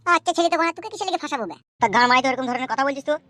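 A man voices an anxious, foul-mouthed young village troublemaker in a comedy cartoon, bluntly arguing and rambling in a rural West Bengal accent, tense and bickering. His very high-pitched voice is very fast, bright and forceful, with a dry, studio-quality recording.

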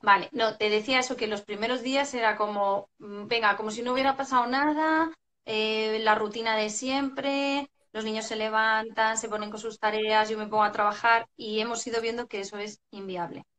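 A woman, speaking a little higher than most women. She explains parenting advice in a live video chat and acts out everyday family scenes as she goes. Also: fairly even intonation, normal speed, a bit bright. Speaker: parenting expert guest.

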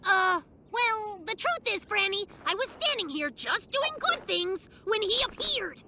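An actor voicing a boastful, excitable male polar bear cub in a cartoon who brags and spins tall tales. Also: very high-pitched, measured pace, a little hiss or hum, exaggerated voice. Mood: fibbing. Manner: bragging, tall tales, yelps and squeals. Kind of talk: cartoon voice acting.

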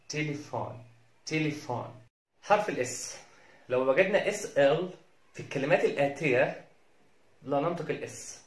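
Egyptian man drilling words, echoey room. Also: mid-range voice. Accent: Egyptian Arabic. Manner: repeats each word three times, slow and careful. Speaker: English teacher. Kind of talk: pronunciation lesson.

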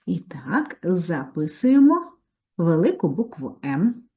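Woman teacher, lower voice, very lively pitch, slow careful dictation, primary school lesson. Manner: slow, clearly spaced dictation, lively sing-song pitch. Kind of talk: online grammar lesson for third graders.

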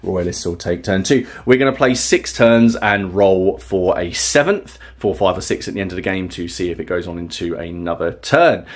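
A man's voice: deep voice, normal speed, few pauses. A man in his thirties hosting a tabletop wargame battle report, chatting casually and explaining the rules at home. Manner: relaxed, chatty, explains rules with fillers and laughs. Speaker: tabletop wargame player and channel host.

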